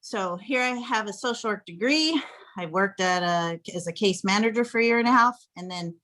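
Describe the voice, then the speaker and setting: A woman in her thirties from Texas, a guest on a podcast interview, chatting in an animated, playful way and laughing often. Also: medium pitch, normal speed. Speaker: podcast guest, flirt coach. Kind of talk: casual interview chat.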